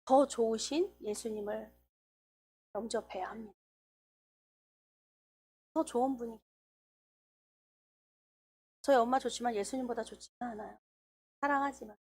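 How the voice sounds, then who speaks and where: Woman, middle-aged, sermon, high pitch, storytelling. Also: normal speed, long pauses, a little hiss or hum. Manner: storytelling with lively quoted dialogue. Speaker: preacher.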